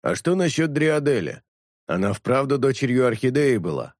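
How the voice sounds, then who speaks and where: Male narrator doing a wary, gruff street tough with a grumbling, jumpy delivery; dry close mic. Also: mid-range voice, very animated, moderate pace, no echo, voice pushed up, lightly acted.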